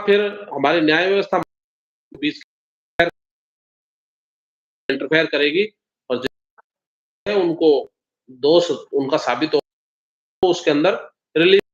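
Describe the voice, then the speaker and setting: A man's voice: a little high, slow, long pauses, a bit bright. A man speaking earnestly as a guest over a live call while his voice breaks up and drops out on a weak connection. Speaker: guest on a live talk show. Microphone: phone or online call. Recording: muffled lo-fi call line with dropouts.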